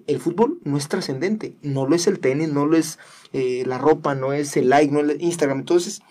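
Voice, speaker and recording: A man's voice: a little high, a little mellow. A man with a Mexican Spanish accent hosting a casual talk show, rambling and preachy, full of hesitant fillers. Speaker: host.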